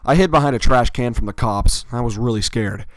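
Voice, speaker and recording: A man's voice: medium pitch, fairly quick, no echo. A man telling a personal story in a casual, rambling way, with fillers and little self-corrections.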